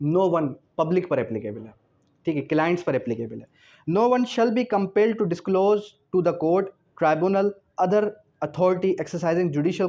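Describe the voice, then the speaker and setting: His voice sitting high with a darkish tone, a man explains legal clauses in a didactic lecture, reading them aloud, then clarifying, and answering questions he asks himself. The audio comes across dull and lo-fi.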